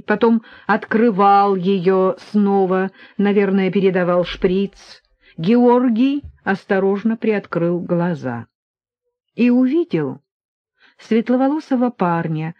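A woman narrating an audiobook in a calm, measured way. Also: medium pitch, no room sound, highs cut off. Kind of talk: scripted narration.

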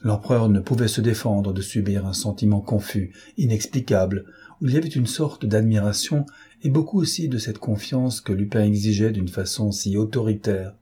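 A man narrating a novel as an audiobook in a measured, literary way. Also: lowish voice, warm tone, slightly rough. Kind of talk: scripted storybook narration.

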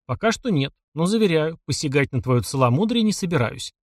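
A man's voice: fairly high pitch, big pitch swings, brisk, dry recording, studio quality. A man reading an audiobook and voicing a sly, chatty driver in his thirties who teases and questions. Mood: jovial. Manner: chatty, teasing, probing.

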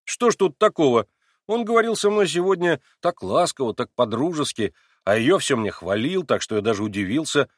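A man reading a novel aloud and voicing an excitable young man who pleads and defends himself in a raised, plaintive voice. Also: on the high side, a little fast, no echo, clean studio sound, pitched above the performer's own voice. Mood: plaintive, insistent. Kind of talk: audiobook character reading.

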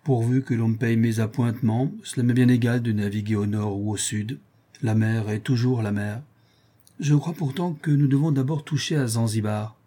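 Man puts on a frank superstitious sailor, salty, raised and husky. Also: mid-range voice, steady tone, moderate pace, dark tone, natural voice. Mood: evasive. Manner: blunt, salty, earnest. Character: frank superstitious old-time male sailor.

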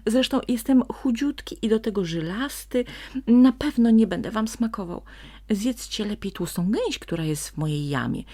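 A woman's voice: a little high, animated, normal speed, warm tone, pitched above the performer's own voice. Woman doing a sly, whining cowardly fox. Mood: wheedling. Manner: wheedling and whining.

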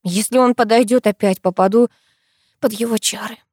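A woman reading an audiobook, voicing a flustered, excitable young office woman who pleads and panics easily. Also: on the high side, no echo, studio quality, natural voice. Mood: anxious. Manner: pleading, impulsive, quick to panic.

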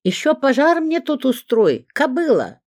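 A woman voicing a quarrelsome, coarse female neighbor who yells and scolds. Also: low-pitched, sing-song, a little slow, dry recording, studio quality, exaggerated voice. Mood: yelling.

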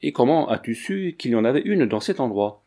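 Tyrant prince, contemptuous, forceful, man reader's voice, mellow low tone. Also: very animated, a little fast, slightly rough. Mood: suspicious. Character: wrathful tyrannical older prince.

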